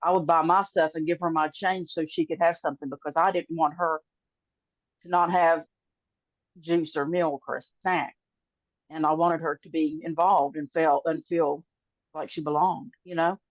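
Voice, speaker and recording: Low-pitched woman telling stories. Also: steady tone, normal speed, no room sound. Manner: warm storyteller, acts out voices in anecdotes. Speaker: podcast co-host. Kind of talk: casual faith chat, storytelling. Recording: dull, slightly muffled sound.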